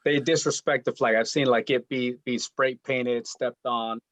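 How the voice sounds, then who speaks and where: A man's voice: mid-range voice, fairly even intonation, a little slow, fairly bright tone, no room sound. A man speaking earnestly in a casual panel chat, often saying "you know". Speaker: panel guest.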